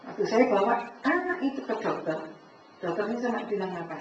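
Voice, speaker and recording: A woman giving a preaching talk to a congregation, animated, acting out conversations and often addressing her listeners directly. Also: mid-range voice, a little fast. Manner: animated, acts out dialogue, keeps addressing the listeners. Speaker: speaker at a church family fellowship. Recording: echoey hall from far off, dull sound, faint noise.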